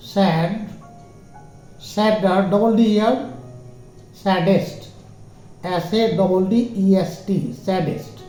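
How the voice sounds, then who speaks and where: A man teaching English grammar, explaining the rules slowly and spelling words out letter by letter. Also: high voice, mellow, roomy sound, rough recording. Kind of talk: grammar lesson in Bengali.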